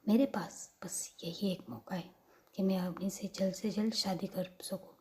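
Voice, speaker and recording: A woman's voice: mid-range voice, steady tone, measured pace, natural voice. Woman whispering as an anxious young lover. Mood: pleading hush. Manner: soft, pleading, hushed.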